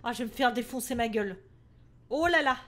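A woman's voice: on the high side, a little fast, fairly bright tone, a little hiss or hum. A woman streaming a horror game, panicking, swearing and shrieking at it between thanks to viewers.

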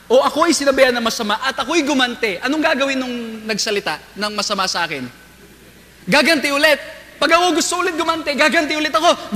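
A man's voice: very high voice, pushed and bright, long reverb tail. A male pastor preaching a sermon to his congregation, telling stories and often calling out to the listeners with questions. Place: large church sanctuary.

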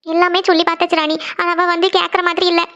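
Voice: very high-pitched, monotone, bright, forceful tone, exaggerated voice. Cartoon role: anxious, sorrowful mother, voiced by a performer, sped-up chatter with a muffled lo-fi quality. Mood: worried. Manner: slow, anxious, sorrowful talk. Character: worried tearful mother, a woman's elder sister. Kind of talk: Tamil cartoon series dialogue.

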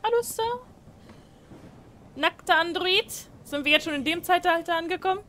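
A gaming streamer at a desk microphone offers joking, chatty let's-play commentary on a horror game, shrieking when something startles her. Her voice is extremely high, bright and forceful, at a normal speed, with a slight hiss or hum in the audio.

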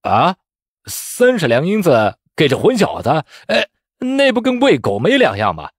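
A man voicing a greedy, cowardly male exam official who mocks candidates with a shrill, sneering voice. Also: very animated, normal speed, no room sound, studio quality. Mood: wheedling. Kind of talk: storytelling voice acting.

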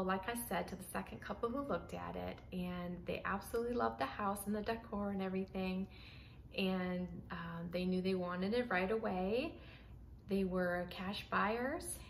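A woman's voice: mid-range voice, a little hiss or hum. A woman, chatting to camera about her home in a casual, rambling way full of fillers and restarts. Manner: chatty, many fillers and restarts, says "y'all". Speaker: home decor vlogger. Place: home interior, indoors. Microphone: camera framed at chest height, close.

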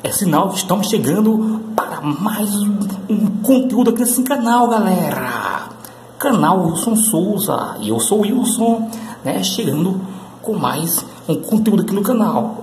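A man's voice: high-pitched, very animated, measured pace, darkish tone. Male host, casual rambling lesson talk, roomy echo, faint hiss behind. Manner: rambling, full of tag questions and fillers. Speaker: English teacher and channel host.

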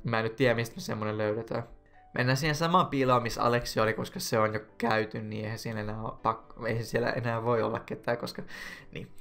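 A man's voice: medium pitch, fairly even intonation, fairly bright tone, faint music behind. A young man casually commenting and reading aloud through a story game, loose and rambling with plenty of fillers. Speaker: let's play co-host.

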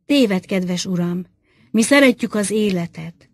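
A woman reading as a calm lecturing male captor. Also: mid-range voice, no echo.

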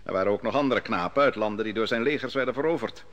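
A man acts the part of a narrating prophet in 1950s Dutch radio drama, recalling with gravity his youth as an exile at a foreign king's court. The recording is muffled, and his mid-range, slightly bright voice sounds natural as he tells the story in a measured, solemn way.

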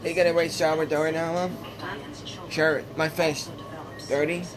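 A man filming a casual home vlog, speaking haltingly and repeating his phrases with many fillers. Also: fairly high pitch, little pitch movement, a crowd in the background. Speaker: vlogger. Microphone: phone.

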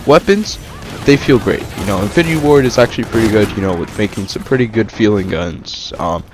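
A young gaming YouTuber with a lowish voice casually reviews a shooter game over gameplay footage and music. He talks fairly quickly and rambles, with plenty of fillers and restarts.

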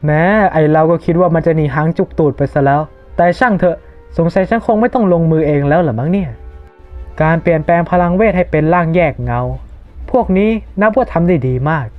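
A manga fan-dub reader who voices every character in a mid-range voice. The recording is dull and lo-fi, with soft background music running under the voice. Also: mid-range voice, lively intonation, a little fast. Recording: dull lo-fi voice-over with faint music.

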